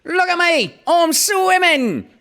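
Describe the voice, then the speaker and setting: A man voicing an excitable little male kangaroo, squeaky and boastful. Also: slow, gravelly, full character voice. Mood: excited.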